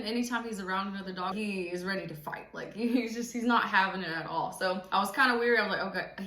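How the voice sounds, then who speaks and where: A young woman vlogger who serves in the army, chatting casually with lively storytelling. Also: medium pitch. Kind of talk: casual chat. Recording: echoey room, faint noise.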